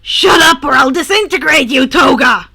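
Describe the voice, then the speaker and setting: A woman reading a fanfic aloud and voicing a foul-mouthed, irritable young male villain who talks gruffly and loudly. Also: on the high side, a little slow, heavily acted. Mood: exasperated. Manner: gruff, swearing, loud. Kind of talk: podfic character voice.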